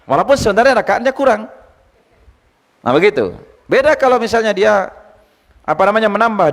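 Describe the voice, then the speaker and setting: Man, religious teacher, lively lecture, questions the audience, high voice, long hall echo. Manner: lively, quizzes the audience, retells anecdotes.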